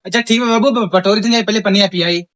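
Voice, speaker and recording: A work-shy village son, acted by a man, pleads and makes excuses in a high Awadhi voice. It is whiny, evasive comedy skit acting with a very dry sound. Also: fairly even intonation, fast talker, a bit bright, dry recording.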